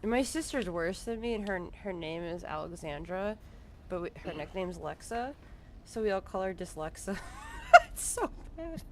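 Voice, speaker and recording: A woman's voice: fairly low pitch, normal speed, background noise. A woman streamer chatting casually with her raid group, joking and swearing freely. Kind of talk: casual voice chat while gaming.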